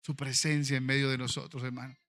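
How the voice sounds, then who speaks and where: A male pastor, preaching a sermon in an auditorium. He moves from quiet storytelling to fervent, shouted passages. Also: mid-range voice, level tone, quick pace. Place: convention auditorium.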